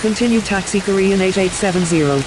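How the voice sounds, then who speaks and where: A woman's voice: medium pitch, fast talker. A woman voicing a businesslike airline pilot over the radio, giving clipped, procedural calls in a flight simulator game. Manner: clipped, procedural read-backs. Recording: loud hissing radio static.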